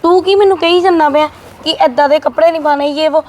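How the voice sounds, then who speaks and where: A woman playing a feisty married elder sister, her voice pitched high and sharp as she scolds and defies her younger brother. She talks back hard, complaining and taunting in a family short-film scene. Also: fast talker, natural voice. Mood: defiant.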